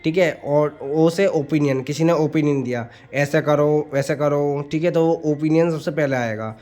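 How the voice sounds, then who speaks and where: A man's voice: on the high side, moderate pace, dark tone. A man teaching grammar for exam preparation, explaining step by step, asking questions and answering them himself, often saying "ठीक है". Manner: often says "ठीक है" between points. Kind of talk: exam-prep grammar lesson.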